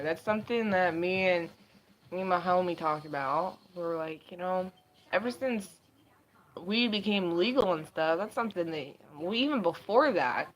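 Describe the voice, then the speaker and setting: A woman's voice: fairly low pitch, fairly bright tone, low-quality recording. A woman vlogging in casual chat, with a laid-back, slangy, sweary stoner way of talking.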